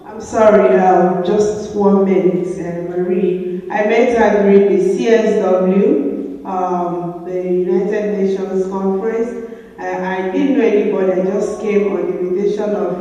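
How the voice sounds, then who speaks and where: A woman's voice: mid-range voice, mellow. A woman introducing a speaker in a preacherly way, with blessings, heard from far off in a hall. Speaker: event organizer. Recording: far-off echoey hall, dull sound.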